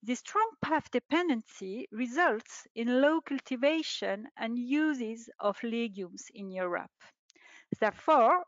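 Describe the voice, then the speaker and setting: A middle-aged woman, a researcher, reading a prepared presentation in a measured, formal way over a video call. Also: on the high side, no room sound. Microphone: video call webcam. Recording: dull lo-fi webinar audio.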